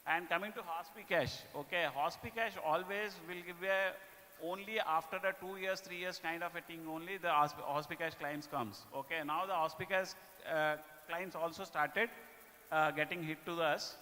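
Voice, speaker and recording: A man with an Indian accent giving a corporate performance presentation to staff, speaking haltingly and often tagging his phrases with "okay". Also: a little high, fairly even intonation, pushed and bright. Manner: halting delivery with repeated "okay" tags. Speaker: business presenter. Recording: echoey hall with long reverb.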